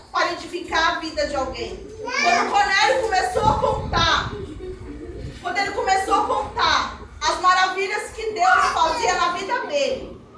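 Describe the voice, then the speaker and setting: A woman preaches her testimony, her voice pitched very high. She tells her story with animated energy and frequent laughter. The recording is distant and booming in a heavily echoing hall, with clear background noise. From Minas Gerais, Brazil. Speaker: missionary. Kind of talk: testimony sermon to a congregation. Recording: very echoey hall, distant mic, noisy.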